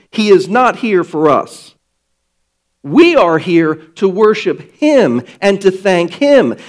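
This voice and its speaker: A man preaching a sermon to his congregation, slow and emphatic with dramatic pauses. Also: a little high. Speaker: pastor.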